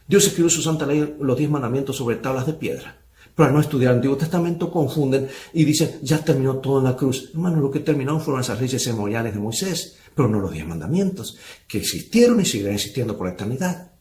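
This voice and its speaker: A man's voice: mid-range voice, animated, quick pace, darkish tone, echoey room, a little hiss or hum. A male pastor preaching a sermon, asking rhetorical questions of the brethren.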